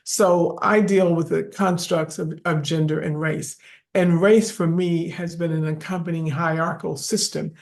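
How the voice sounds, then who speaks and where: A gravelly-voiced woman of fifty or older speaks on an academic panel over a video call. She talks in a reflective, unhurried way, pausing with small fillers as she works through her thoughts. Her voice has a lot of rough fry in it. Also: fairly low pitch, steady tone, a little mellow. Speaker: professor on a webinar panel.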